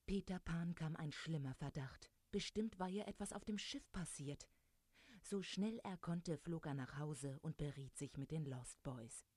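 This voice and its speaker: A woman reading a children's adventure story aloud, lively and speaking directly to young listeners. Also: low voice, unhurried, no room sound.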